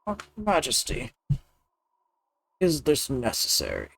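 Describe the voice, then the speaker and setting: A man voicing a dutiful, reluctant general in a video game, speaking in a low, hushed, solemn way. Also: huge pitch swings, takes it slowly, creaky, exaggerated voice. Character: grave, dutiful male general, loyal and reluctant. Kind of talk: dramatic video game dialogue reading.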